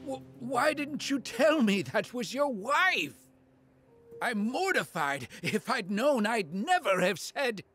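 A flustered, outspoken young companion, stammering and apologetic. She speaks slowly, and her voice rises and falls. Faint music plays beneath her. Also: mid-range voice, huge pitch swings, exaggerated voice. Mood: mortified.

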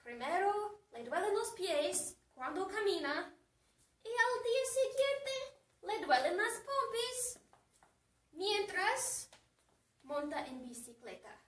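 Woman teacher, high bright voice, slow and deliberate, storytelling lesson. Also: very animated, far from the mic. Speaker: Spanish teacher. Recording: echoey room, off the mic.

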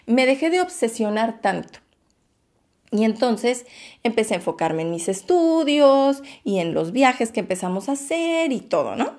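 A woman's voice: medium pitch, a little mellow. A woman, a YouTuber, candidly and expressively telling a personal story to her viewers, whom she calls her loves. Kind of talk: storytime vlog.

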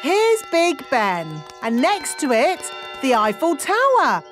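A woman's voice: high voice, sing-song, takes it slowly, fairly bright tone, exaggerated voice. A woman voicing a cheerful, chatty rabbit tour guide in a cartoon. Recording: voice over cartoon music.

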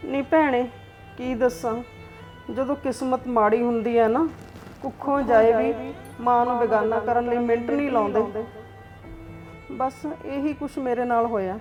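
In a family short drama, a woman plays a sorrowful older mother in tears, pleading in a high voice. The delivery stays tearful and heavy with grief. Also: fairly even intonation, unhurried, muffled recording, over music, close to an everyday voice. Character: aging mother, tearful, cast out by sons. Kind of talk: Punjabi short film acting.

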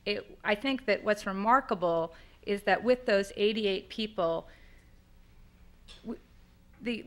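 At a law school conference, a middle-aged American woman on a panel presents from a podium in an indoor lecture room, speaking semi-formally and conversationally, explaining things and asking rhetorical questions. She has a lateral lisp and a mid-range, fairly bright voice, picked up by a podium microphone on a boom stand.

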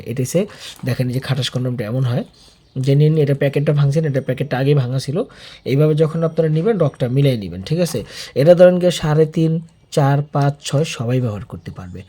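A man talks viewers through a product demonstration in a loose, informal way, often pausing to check in with them. His voice sits a little high for a man, with a soft, mellow tone and a husky edge. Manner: informal, keeps checking in with listeners. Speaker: online seller.

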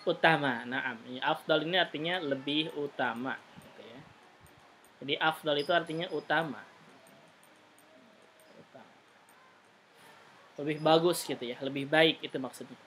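A fairly high, rather bright male voice moves at a moderate pace with long pauses, over slight background noise. He patiently teaches Arabic pronunciation in an online class, repeatedly tagging lines with "gitu, ya."

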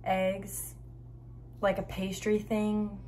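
A woman's voice: medium pitch, monotone, extremely slow, mellow, slight background noise. A young woman talking casually through her day, often dropping to a whisper. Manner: chatty, often drops to a whisper. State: out of breath on a hike. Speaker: vlogger. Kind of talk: casual day-in-the-life vlog.

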